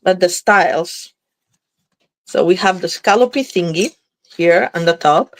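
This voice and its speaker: On the low side and a little slow, her slightly blocked-up voice carries casual chatter during a live crafting demo. She's a card maker thinking aloud as she works.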